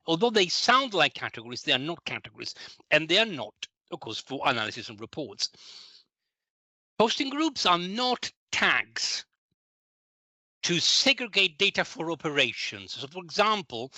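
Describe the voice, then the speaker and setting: A middle-aged man leads a live training webinar over a video call. His voice is very bright and crisp, with a dry, close sound and no room echo. He explains things patiently and circles back to restart his phrases. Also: a little high, big pitch swings, normal speed. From Italy. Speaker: trainer and consultant.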